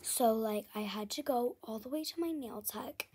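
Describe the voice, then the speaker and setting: A woman's voice: fairly high pitch, normal speed, dark tone, a little hiss or hum. A young woman telling a casual storytime tale in a rambling way, full of fillers and often half-whispered.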